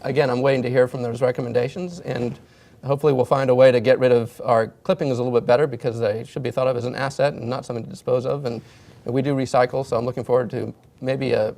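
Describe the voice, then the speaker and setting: A man answering interview questions as a political candidate, with halting phrasing. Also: mid-range voice, level tone, gravelly, darkish tone.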